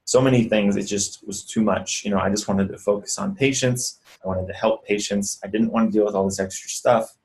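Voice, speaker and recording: A man's voice: on the low side, steady tone, fairly quick, hardly any pauses, darkish tone, low-quality recording. A man, a physical therapist, giving earnest, conversational advice in a casual vlog and talking the viewer through breathing. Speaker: physical therapist and clinic owner.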